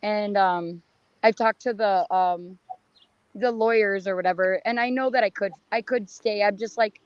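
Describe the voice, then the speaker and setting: A young adult woman chatting casually as a caller, her voice hoarse and raspy as if she is losing it. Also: mid-range voice, steady tone, normal speed, no room sound. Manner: raspy, strained talk. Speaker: caller, college student. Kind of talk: casual chat. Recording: dull lo-fi online audio.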